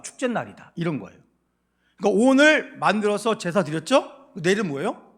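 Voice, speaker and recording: A male pastor giving a Bible lecture sermon, engaging his congregation with frequent rhetorical questions and swinging between loud emphasis and quiet asides. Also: fairly high pitch. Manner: dramatic rise and fall in loudness for emphasis. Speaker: senior pastor.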